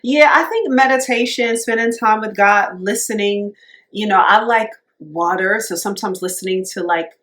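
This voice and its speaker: A woman co-hosting a podcast, chatting casually about faith and rest in long, animated run-on thoughts. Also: medium pitch, moderate pace. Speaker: podcast co-host.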